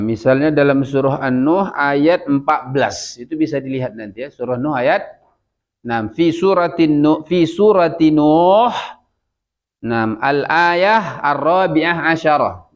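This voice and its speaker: A man with an Indonesian accent teaching an Arabic lesson, slowly drilling words for students to repeat and then explaining casually with light laughs. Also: medium pitch, expressive, dull audio. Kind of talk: classroom language lesson.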